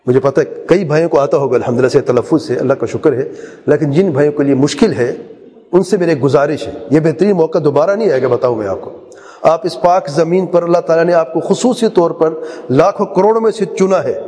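A man's voice: on the high side, dark tone, long reverb tail. A man preaching a sermon to a gathering, earnest and urging, often putting questions to his listeners.

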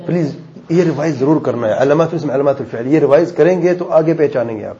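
A man's voice: fairly high pitch, warm tone. A male grammar teacher giving a classroom lesson, patiently quizzing students and explaining rules step by step, on a dull lo-fi recording. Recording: dull lo-fi recording with faint noise.

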